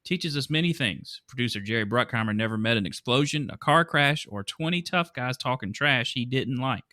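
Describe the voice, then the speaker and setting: A man's voice: mid-range voice, animated, normal speed, bright, forceful tone, dry recording, studio quality. A man hosting a movie podcast, chatting casually and laughing often. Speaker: podcast host.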